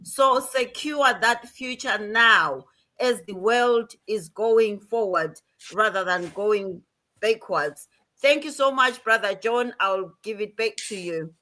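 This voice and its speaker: A woman's voice: mid-range voice, slow pace, sharp tone. An older woman, a nurse, speaking emphatically with warnings on a livestream panel. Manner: emphatic, cautionary.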